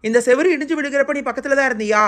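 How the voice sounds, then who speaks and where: A woman's voice: sits high, racing, fairly bright tone. A woman voicing a grown man who takes charge at an accident, giving orders in a doll video. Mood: commanding.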